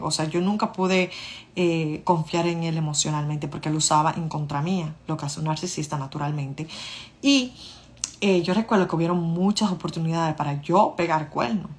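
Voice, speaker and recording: A woman's voice: low voice, normal speed. A woman, telling her own story in a casual monologue. She speaks to her listeners directly and acts out the dialogue. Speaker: vlogger.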